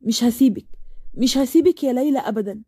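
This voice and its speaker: A woman's voice: fairly high pitch, quick pace, mellow, slightly rough, no echo, clean studio sound. A woman voicing a cold, irritable young man with an Egyptian accent, talking curtly. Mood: determined. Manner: cold, curt, exasperated.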